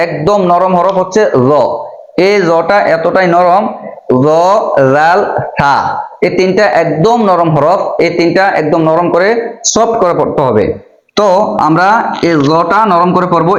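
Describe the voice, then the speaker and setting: Patient male Quran teacher, fairly high voice, repetitive drill delivery, slightly muffled echoey recording. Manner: patient, drawing out letter sounds again and again. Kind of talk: step-by-step lesson on Arabic letters. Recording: echoey, dull room sound.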